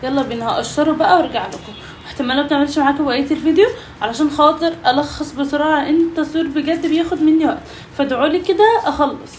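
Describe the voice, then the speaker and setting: A woman's voice: high-pitched, racing, a little mellow, slight background noise. A young Egyptian woman with an Egyptian Arabic accent, chatting to viewers in a casual cooking vlog from her home kitchen. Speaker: vlogger.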